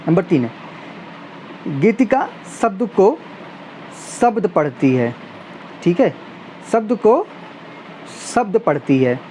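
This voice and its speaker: Over a faint background hiss, a woman teacher with a lowish, darkish voice goes through multiple-choice test questions for exam prep. She reads each question and its options, then explains the correct answer.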